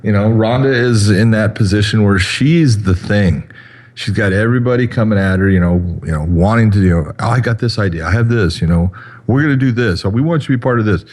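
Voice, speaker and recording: A man's voice: lowish voice, a little fast, a little mellow. A man in his fifties co-hosting a podcast in casual chat, talking in a rambling way with lots of fillers. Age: 50s. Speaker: podcast co-host.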